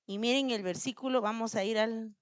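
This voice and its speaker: A woman preacher giving a sermon at a church vigil, animated and speaking directly to the congregation. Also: fairly high pitch, fairly quick. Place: church service.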